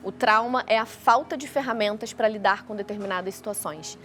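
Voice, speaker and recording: Faint music plays behind a Carioca woman from Rio de Janeiro, Brazil, who is a child feeding specialist explaining topics as a talk show guest expert. She speaks Brazilian Portuguese briskly in a mid-range, slightly bright voice.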